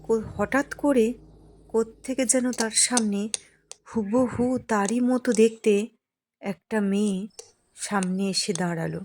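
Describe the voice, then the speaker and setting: Woman narrating a cartoon story slowly. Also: fairly high pitch, darkish tone, slight background noise. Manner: measured, plain storytelling.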